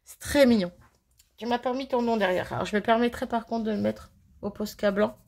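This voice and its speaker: A woman's voice: on the high side, a little fast, vocal fry, a little mellow. Bubbly chatty Frenchwoman unboxing. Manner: chatty, bubbly, self-mocking, gushing over items. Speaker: craft vlogger unboxing mail. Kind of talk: casual chat to viewers. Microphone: phone.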